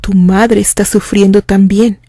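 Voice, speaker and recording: A woman doing a calm, menacing young woman, whispery. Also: mid-range voice, measured pace, no room sound, studio quality, lightly acted.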